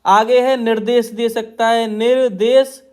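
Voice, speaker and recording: A man's voice: extremely high pitch, little pitch movement, slow, clean tone. A man teaching shorthand outlines, explaining each stroke in a patient, repetitive way while drawing on a tablet. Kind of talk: tutorial explaining steno outlines.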